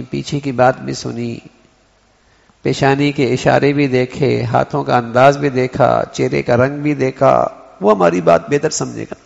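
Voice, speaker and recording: Gravelly male preacher in an echoing hall. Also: medium pitch. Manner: explains by acting out one sentence in different tones. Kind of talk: Islamic sermon. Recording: dull recording in a long-reverb hall.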